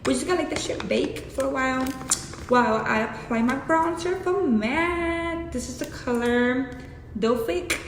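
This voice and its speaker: At a measured pace, a young Mexican-accented beauty vlogger chats through her makeup routine, casual and crude, with frequent side remarks. Her voice sits a little high, and the roomy space gives a long echo over constant hiss.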